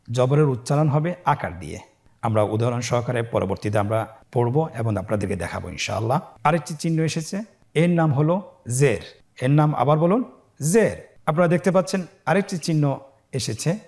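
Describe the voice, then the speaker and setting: A man's voice: mid-range voice, a little mellow. Patient male Quran teacher drawing out syllables. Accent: Bangladeshi Bengali. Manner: slow drawn-out syllables when sounding out letters; patient and encouraging. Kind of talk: step-by-step lesson, learners repeat after him. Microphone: facing the camera on screen.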